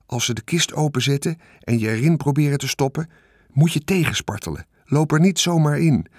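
A wise old ewe, bossy and urgent, barks out advice in a storybook reading, as a male narrator puts her on. The voice sits higher than his plain telling, and the dry close sound leaves no room echo. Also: animated, fairly quick, darkish tone. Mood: urging. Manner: urgent, commanding whisper-advice.

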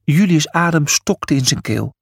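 A man reading a children's story aloud, with an expressive delivery. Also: on the high side, unhurried, gravelly, slightly rough, no room sound, studio quality. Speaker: narrator.

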